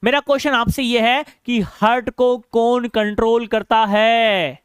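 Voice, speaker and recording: A man's voice: very high-pitched, steady tone, a little slow, fairly bright tone, smooth, no room sound, clean studio sound. A male biology teacher lecturing in a classroom style, teasing and scolding students while he keeps asking questions and answering them himself.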